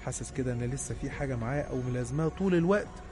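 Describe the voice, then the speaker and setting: A man with an Egyptian Arabic accent, narrating listeners' true horror stories in a hushed, suspenseful storytelling manner. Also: medium pitch, very fast, noisy background. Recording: narration over clear background music. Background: background music.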